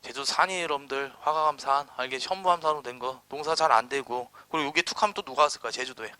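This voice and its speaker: A man giving an exam-prep history lecture, constantly quizzing students with quick rhetorical questions and blunt, slangy asides. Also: fairly high pitch, bright, forceful tone, no echo.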